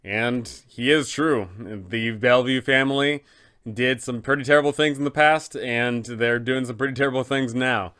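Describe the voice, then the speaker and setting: A man hosts a casual explainer for tabletop game masters, giving advice conversationally and posing rhetorical questions. His mid-range voice is smooth, steady and a bit bright, at a normal speed.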